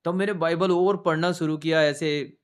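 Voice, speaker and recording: A man's voice: a little high, fairly even intonation, normal speed, clean tone. A soldier sharing a personal faith testimony in an earnest storytelling manner, shifting his tone as he recounts conversations. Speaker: soldier giving a church testimony.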